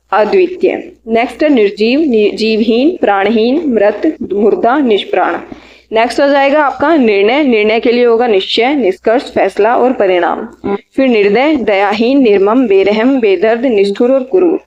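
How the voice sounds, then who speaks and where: A woman teaching exam vocabulary, listing synonyms in short bursts and adding quick study tips. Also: fairly high pitch, muffled recording. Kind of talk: reading out synonym lists for an exam lecture.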